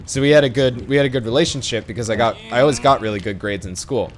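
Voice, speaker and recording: A young man streaming with friends, telling a story in animated casual chat, swearing freely. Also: mid-range voice, fast.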